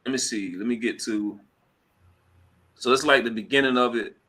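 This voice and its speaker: Bright, chatty man hosting a live stream. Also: mid-range voice, moderate pace. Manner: slangy and chatty, full of "you know what I'm saying" and shout-outs. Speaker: host of a crypto live stream. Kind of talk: casual live-stream talk. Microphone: computer mic at a laptop.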